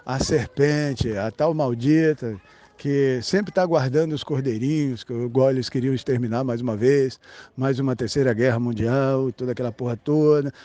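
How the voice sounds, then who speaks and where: A man's voice: fairly high pitch, mellow, dry recording. A man with a Brazilian Portuguese accent giving a rambling esoteric monologue, blunt and emphatic, swearing casually and checking in with the listener. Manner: blunt, emphatic, sprinkled with profanity; addresses the listener directly with frequent "tá?". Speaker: esoteric spiritual speaker.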